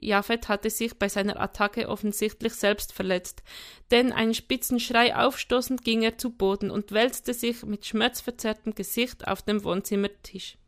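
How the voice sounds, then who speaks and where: A woman reading a first-person story aloud in a lively, expressive way. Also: a little high, moderate pace. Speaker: audiobook reader. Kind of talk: first-person scripted narration.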